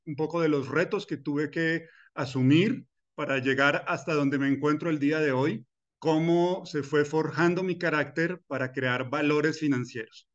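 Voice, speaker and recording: A middle-aged Colombian man teaches a personal finance masterclass in a fairly high voice, earnest and personal, often saying "eh" and restarting his sentences. The recorded lecture has dull audio.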